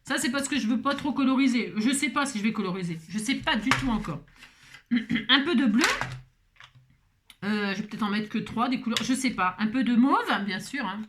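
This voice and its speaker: A chatty woman with a fairly high voice talks viewers through a crafting tutorial. Her delivery is playful and self-mocking, with teasing asides. A faint hiss sits under her voice. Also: normal speed. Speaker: card-making crafter.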